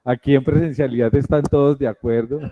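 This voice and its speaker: A man's voice: mid-range voice, fairly even intonation, moderate pace, dark tone. A man leading a class, thanking a guest speaker with many fillers and a joking aside. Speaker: course instructor. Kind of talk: class wrap-up. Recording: tinny phone-like line.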